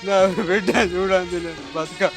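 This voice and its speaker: An actor plays a middle-aged village father with a Telangana accent, mourning his daughter. His voice runs fairly high and heavy with grief. Music plays clearly behind him. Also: little pitch movement, moderate pace, natural voice. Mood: grieving. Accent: Telangana Telugu. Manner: mournful, lamenting. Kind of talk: village short film acting.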